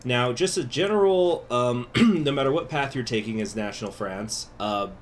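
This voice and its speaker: A man's voice: mid-range voice, moderate pace, slight background noise. A man speaking through a face mask, giving a chatty, informal strategy game tutorial as the host. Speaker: gaming video host. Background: music.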